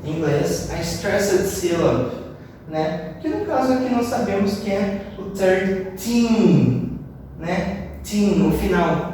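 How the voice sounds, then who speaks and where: A man from Brazil teaching an English class, explaining step by step and repeating words slowly for drill. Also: sits high, a little mellow, far from the mic, slight background noise. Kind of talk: classroom lesson. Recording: roomy echo, voice off-mic with long reverb.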